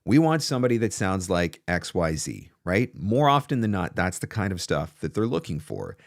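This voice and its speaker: This low-voiced man, in his forties, runs a relaxed livestream giving advice on the voiceover business, hammering points home with emphasis and repeated phrases. He's in a small indoor home studio right up on a big studio microphone, recorded dry.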